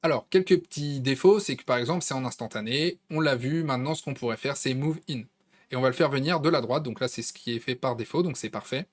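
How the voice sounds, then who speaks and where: A tutorial host with a French accent walks viewers through a design tool in a casual, conversational screen recording packed with fillers. His mid-range voice moves fast.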